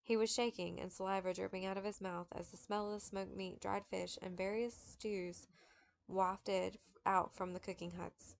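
A woman reading a memoir aloud in a steady, measured manner, with occasional slips. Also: medium pitch, creaky, slight background noise. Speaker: audiobook reader.

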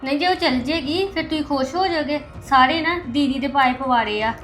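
A woman's voice: high voice, fairly quick, fairly bright tone, soft background music. A woman acting in a family drama, pleading with and talking back to her relatives. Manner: pleading, placating, argumentative. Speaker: actor in a family drama, a younger daughter-in-law.

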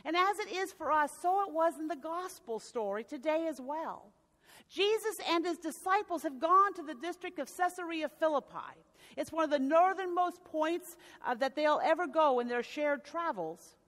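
High-voiced woman preaching in a reverberant church. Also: lively intonation, moderate pace, fairly bright tone. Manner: storytelling preaching with occasional restarts. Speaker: pastor. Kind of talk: sermon. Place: church sanctuary.

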